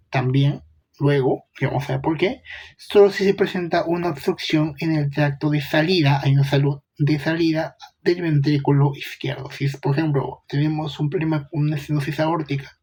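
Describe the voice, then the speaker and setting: A man's voice: on the high side, a little mellow, breathy edge. A young man giving a casual medical lecture, chatty, with rhetorical questions and slangy asides.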